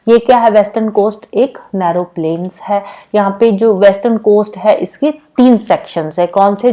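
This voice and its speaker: Mellow-voiced woman teaching geography. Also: medium pitch. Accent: Indian English loanwords in Hindi. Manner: explanatory, asks and answers own questions. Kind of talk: exam-prep geography lesson.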